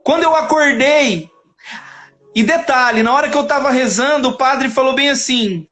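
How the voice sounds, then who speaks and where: Man, guest testimony, high voice, lively storyteller who acts out the dialogue. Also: moderate pace, soft background music. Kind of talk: emotional faith testimony in a live conversation.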